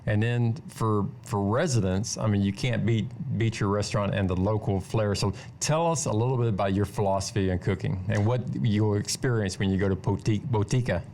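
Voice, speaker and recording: A man hosting a radio interview show, chatty and halting, often repeating words as he talks. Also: lowish voice, steady tone, darkish tone, slight background noise. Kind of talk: casual interview.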